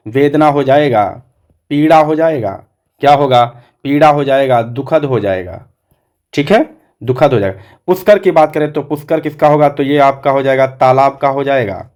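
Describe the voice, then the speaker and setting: A man's voice: mid-range voice, darkish tone, smooth. A man teaching a Hindi exam-prep class, repeating each answer back as a question to his students.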